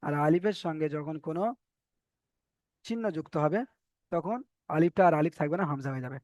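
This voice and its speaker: A man teaching Arabic letter pronunciation in an online lesson, slowly repeating each letter with its vowel mark. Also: a little high, a little mellow, no room sound. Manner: slow drilling of letter sounds, repeating each pair. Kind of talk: online Quran reading lesson.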